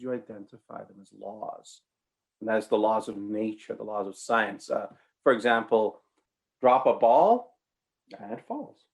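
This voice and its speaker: A man preaching an apologetics sermon in an emphatic way, his pitch leaping suddenly and his pace speeding up and slowing down.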